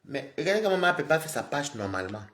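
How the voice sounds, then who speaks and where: Animated man ranting on a live stream. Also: on the high side, fast talker, reverberant. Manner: scolding, animated, repeats himself, talks straight to viewers. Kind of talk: live-stream rant to viewers.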